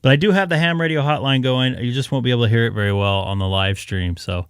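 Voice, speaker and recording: A man's voice: medium pitch, fast, clear, resonant tone, dry recording, clean studio sound. A man who is tired and hungover with a headache, chatting casually and apologetically as he runs a live-streamed ham radio session.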